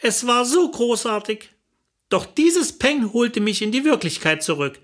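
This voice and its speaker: A woman's voice: on the high side, big pitch swings, a little slow. A woman narrating a comic personal story in a chatty, wry manner.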